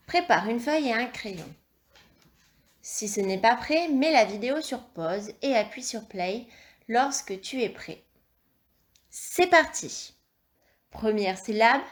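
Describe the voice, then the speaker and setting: A primary school teacher from France, a woman with a slightly high voice, leads a dictation for young children. She speaks slowly and clearly, carefully articulating every syllable, and her instructions remain patient and encouraging throughout.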